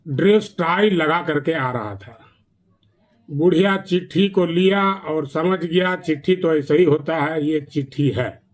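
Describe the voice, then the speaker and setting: A male storyteller, telling a village folk tale in a plain, earnest way. His voice sits slightly high for a man.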